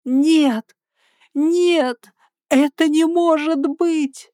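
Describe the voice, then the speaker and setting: A woman's voice: a little high, a little slow, a little mellow, no room sound, studio quality, close to an everyday voice. Woman voicing a frightened young heroine. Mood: anguished. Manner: raised, trembling cries.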